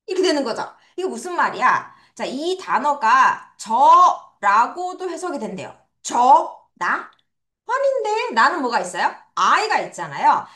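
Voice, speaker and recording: Woman, children's English teacher, unhurried and sing-song, playful drills, roomy echo. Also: sits high. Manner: animated, playful sound words, drills pronunciation. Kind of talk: children's vocabulary lesson. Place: academy classroom or studio. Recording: echoey room.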